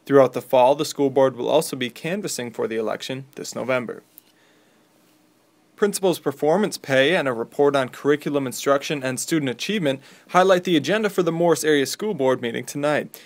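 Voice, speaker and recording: Local radio newsreader: American male, middle-pitched voice, scripted bulletin delivery. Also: fairly quick. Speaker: local radio news reader. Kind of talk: scripted local news reading.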